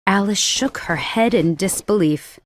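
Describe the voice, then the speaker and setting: A woman reading a children's storybook aloud in a clear, measured narration. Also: medium pitch.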